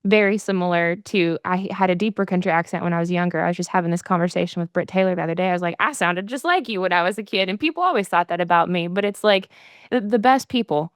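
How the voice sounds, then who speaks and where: A woman's voice: fairly low pitch, quick pace, clean tone, dry recording, clean studio sound. A woman from Southern Indiana hosting a casual interview, chatting in an effusive, agreeable way. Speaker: interviewer, host.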